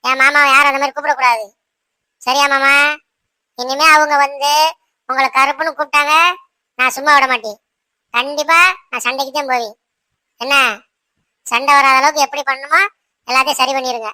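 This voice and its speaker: A woman's voice: high voice, fairly even intonation, a little fast, pauses often, pushed and bright, no room sound. A woman voicing a proud, stubborn young wife in a cartoon who lectures her husband and keeps asking "right?". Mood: insistent. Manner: insistent, lecturing, repeats "சரியா?". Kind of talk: cartoon voice acting.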